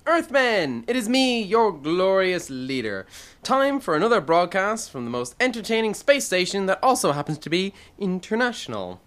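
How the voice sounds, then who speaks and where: A woman's voice: mid-range voice, sing-song, moderate pace, natural voice. A woman playing a vain, boastful male commander of a space station in an audio comedy. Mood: grandiose. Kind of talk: comic radio-play acting.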